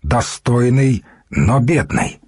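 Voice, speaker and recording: A man's voice: medium pitch, big pitch swings, takes it slowly, darkish tone, dry recording, studio quality, exaggerated voice. A man doing a grumbling rich fat man. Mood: gruff. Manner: grumbling, gruff.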